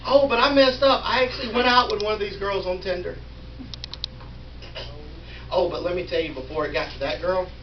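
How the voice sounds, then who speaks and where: A man in his thirties works a small crowd, joking at his own expense and teasing the people up front. His voice sits high for a man. The live recording is roomy and dull, with a steady buzz of ambience behind him. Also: brisk, long pauses, distant mic, background noise. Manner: self-mocking, bantering with the audience. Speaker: stand-up comedian. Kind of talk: live stand-up set with crowd work. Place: small indoor venue in a wine store.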